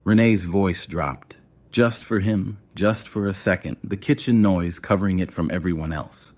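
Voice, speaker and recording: The narration comes from a man with a deep, darkish-toned voice who reads scripted prose between the story's lines of dialogue, keeping to a moderate pace.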